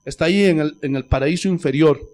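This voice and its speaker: A male pastor from Bolivia preaching a sermon with fervor, swinging between loud outbursts and hushed asides, often repeating praise phrases. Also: fairly high pitch, fast. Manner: fervent, rising to shouts and dropping to near-whispers; peppers speech with "gloria a Dios".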